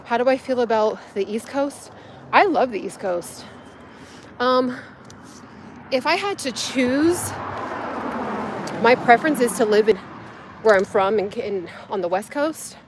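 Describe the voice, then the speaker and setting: A woman's voice: a little high, a little slow, pauses often, slight background noise. Woman vlogging while hiking, breathing hard. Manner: chatty, filler-heavy, greets viewers. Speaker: fitness vlogger. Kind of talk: casual livestream chat while hiking. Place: outdoors on a steep hill walk.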